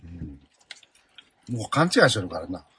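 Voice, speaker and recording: A man's voice: sits low, slightly rough. A man with a Kawachi Osaka accent co-hosting a casual talk show, teasing his co-host and joking. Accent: Kawachi dialect of Osaka. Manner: teasing, animated, quick to joke. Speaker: podcast co-host. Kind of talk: casual chat.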